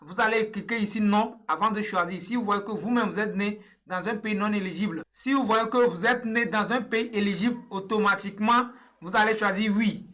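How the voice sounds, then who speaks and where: In a screen-share tutorial recorded on a webcam in a small room, a young Togolese presenter speaks fairly quickly in a high, bright, forceful voice. He patiently takes viewers through an online form step by step, repeating things and hesitating frequently.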